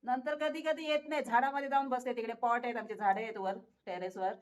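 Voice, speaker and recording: A woman's voice: on the high side, steady tone, a little fast. A woman in a casual pet vlog, talking to her viewers and coaxing her cat, repeating words and laughing often. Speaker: pet vlogger. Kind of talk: casual talk to camera while coaxing a cat.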